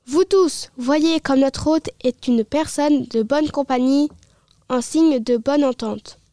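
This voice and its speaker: A woman's voice: sits high, slow, warm tone, no echo, studio quality. A woman reading aloud the lines of a courteous, genial old king, in a raised, announcing delivery. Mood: solemn. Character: courteous king, older man, genial host.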